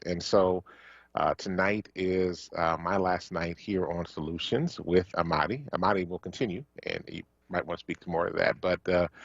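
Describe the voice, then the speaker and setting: Male radio co-host from Philly, deep voice, loose and hesitant delivery, dry studio mic. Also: no echo, highs cut off. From Philadelphia. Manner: halting, many fillers, warm thanks. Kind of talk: casual radio talk. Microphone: studio microphone.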